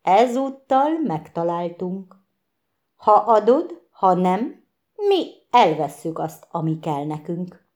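A menacing goblin leader from a storybook, threatening and hissing through the words, as a woman narrator puts him on. The voice rises and falls in a lively way and pushes louder than the telling around it. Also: on the low side.

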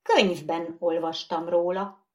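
A woman's voice: fairly low pitch, steady tone, natural voice. A woman doing a lofty storybook bogeyman. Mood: gallant. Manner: lofty and matter-of-fact. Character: gallant, condescending male bogeyman.

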